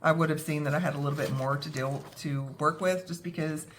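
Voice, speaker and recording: A woman's voice: low voice, steady tone, a little fast. A young adult woman with a scratchy throat from a cold, talking casually and self-deprecatingly, with many fillers. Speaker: budgeting vlogger. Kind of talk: casual talk to camera.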